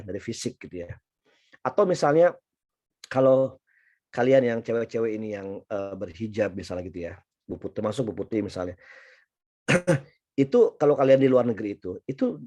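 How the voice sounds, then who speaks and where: A man's voice: lowish voice, a little mellow. A middle-aged man from Indonesia giving a casual university lecture, chatty and anecdotal, with many fillers and restarts.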